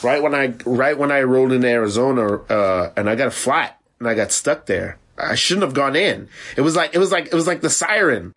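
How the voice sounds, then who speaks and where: A man's voice: mid-range voice, lively intonation, brisk, hardly any pauses, a bit bright. A man from Florida chatting casually and telling anecdotes, slangy and loose with swearing, often restating his point. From Florida, United States. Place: remote call from New York City.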